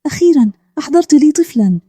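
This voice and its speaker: An emotional, doting village wife who speaks with emphasis, as a woman storyteller puts her on. Her voice is fairly high and very dark and mellow. The sound is close and dry. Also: fast, no room sound, close to an everyday voice. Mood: emphatic.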